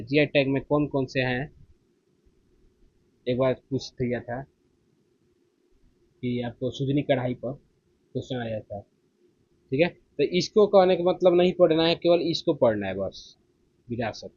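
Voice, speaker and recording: A man's voice: mid-range voice, animated, unhurried, long pauses, darkish tone, breathy edge, no room sound. A man teaching an exam-prep lesson in a casual, chatty way, tagging "theek hai" onto each point. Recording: slightly muffled dry recording.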